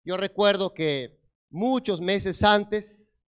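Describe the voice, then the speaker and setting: A middle-aged male pastor giving a sermon testimony, telling his story in a lively way that swings from loud bursts to hushed tones. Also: high-pitched, extremely slow, smooth.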